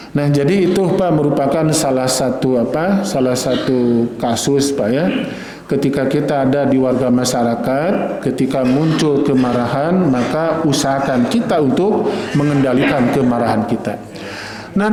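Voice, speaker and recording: A man's voice: a little high, a little mellow. A man preaching a sermon on hadith, often addressing listeners as "Pak" and answering his own questions. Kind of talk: sermon teaching hadith to a congregation. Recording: echoey hall with long reverb and faint noise.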